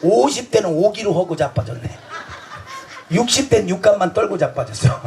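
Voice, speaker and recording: A man's voice: sits high, big pitch swings, normal speed, creaky, a little mellow, a little hiss or hum. A man performing festival stage comedy, boisterous and crude, bantering with the audience and laughing through his lines.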